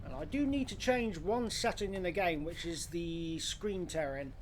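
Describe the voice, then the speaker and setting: Blokey man, higher-pitched voice. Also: normal speed, slight background noise. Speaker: live streamer. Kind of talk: casual game livestream commentary.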